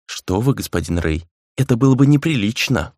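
Brief: indifferent otherworldly spirit, man reading, low voice, close and dry. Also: animated, brisk, darkish tone, no room sound. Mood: detached. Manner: cool, indifferent, musing. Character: detached ancient spirit speaking through a girl.

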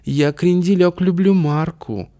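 A man reading an audiobook voices a nervous young man bluffing his way through a seedy club, with slow, exaggerated, mannered speech. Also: high voice, mellow, pitched above the performer's own voice.

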